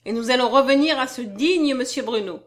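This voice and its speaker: A woman reads the part of a confident young man, a self-assured suitor who alternates between teasing and lecturing, his tone hovering between mockery and solemnity. Her voice is high-pitched, fairly quick and pushed up, yet close to her everyday speaking voice. The delivery is lively in this audiobook character role.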